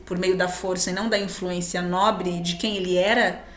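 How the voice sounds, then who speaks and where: A woman's voice: fairly low pitch, level tone, normal speed, echoey room. A Brazilian woman with a Brazilian Portuguese accent giving an emphatic spiritual teaching talk, acting out short quoted exchanges as she speaks.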